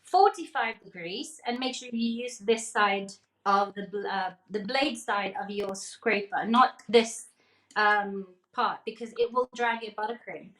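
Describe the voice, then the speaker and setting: A woman's voice: medium pitch, measured pace, fairly bright tone. A woman demonstrating cake decorating live in a kitchen, talking casually and checking in with her viewers. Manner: chatty, checks in with "okay?", laughs often. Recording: echoey room.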